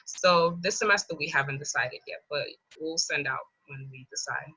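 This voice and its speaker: A woman's voice: sits low, moderate pace, sharp tone, husky. A woman from Nigeria answering questions for a student club in a friendly way on a video call. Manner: friendly, laughs easily. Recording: dull lo-fi call audio.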